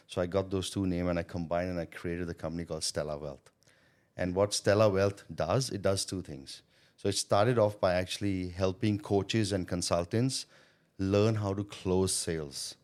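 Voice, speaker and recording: With a low, somewhat mellow voice, a sales coach and business owner talks through his business and early life as an interview guest. Born in Thailand and educated in India, he is earnest and reflective, frequently saying "right?" and "you know".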